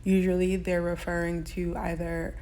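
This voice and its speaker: A woman's voice: on the low side, completely flat delivery, moderate pace, mellow. A woman hosting a shopping channel who explains how to say tricky words in a chatty way, laughing lightly now and then. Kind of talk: casual explanatory lesson.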